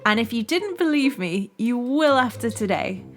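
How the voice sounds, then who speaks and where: A woman's voice: on the high side, very animated, moderate pace, faint music behind. A woman hosting a review show, narrating with wry, sarcastic humor. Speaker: host reviewing a TV series.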